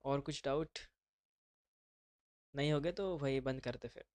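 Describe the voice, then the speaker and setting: A man's voice: mid-range voice, a little slow, a little mellow, no room sound. Casual man teaching a live online class. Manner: casual, brotherly, mixes English terms into speech.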